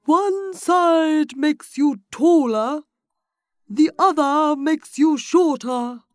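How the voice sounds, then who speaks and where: A woman's voice: medium pitch, very animated, darkish tone, no echo, pitched above the performer's own voice. A woman voicing a sleepy, curt male caterpillar in a storybook reading, drawing out every word in a commanding tone. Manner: slow, drawn-out, commanding.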